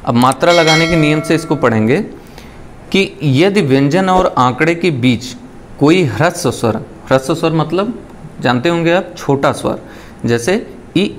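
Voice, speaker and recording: A man's voice: a little high, expressive, unhurried, slight background noise. A man teaching a shorthand lesson. He explains step by step, patiently, and keeps checking in with the listener.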